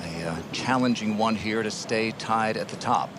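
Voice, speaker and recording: A man's voice: fairly low pitch, moderate pace. A man commentating live on a golf tournament as the lead announcer, in an outdoor broadcast. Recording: outdoor broadcast with loud ambient noise.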